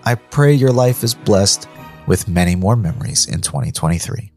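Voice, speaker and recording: A low male voice with lively, varied intonation hosts a podcast. He reads scripted narration, with music underneath. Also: moderate pace. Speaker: podcast host.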